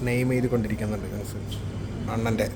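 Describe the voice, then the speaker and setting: A man's voice: lowish voice, level tone, fast. Joking young vlogger man on noisy street. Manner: joking, teasing, addresses viewers as guys. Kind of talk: casual vlog narration.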